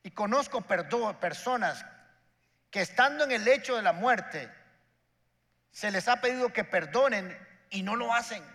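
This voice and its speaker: A man's voice: sits high, animated, a little slow, pauses often, fairly bright tone, in a large hall. A man, preaching a sermon as a pastor and acting out the characters in his story.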